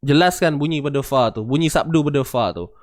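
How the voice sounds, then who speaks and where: A man's voice: a little high, a little fast. A man with a Malaysian Malay accent teaching Quran recitation in a casual lesson, often checking that listeners understand and chanting examples.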